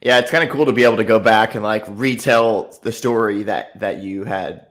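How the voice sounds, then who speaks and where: A man interviewing a guest in a casual, relaxed, easygoing way. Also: on the low side, normal speed.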